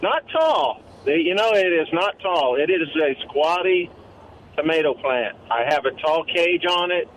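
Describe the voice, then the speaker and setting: A man's voice: a little high, animated, measured pace, fairly bright tone. A man calling into a radio show on a hands-free car speakerphone while driving, rambling through detailed questions and correcting himself as he goes. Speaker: caller. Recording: muffled car speakerphone line. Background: faint car noise.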